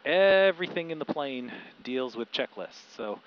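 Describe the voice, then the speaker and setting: A man's voice: medium pitch, animated, measured pace. A middle-aged man, a pilot and flight instructor, explaining procedures and making radio calls through an aviation headset. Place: small airplane cockpit. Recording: dull aircraft intercom, engine noise.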